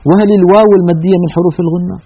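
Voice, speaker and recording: A man's voice: high voice, steady tone, racing, breathy edge. A man teaching Quran recitation in an earnest tajweed lesson, demonstrating each sound. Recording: tinny narrow-band radio sound.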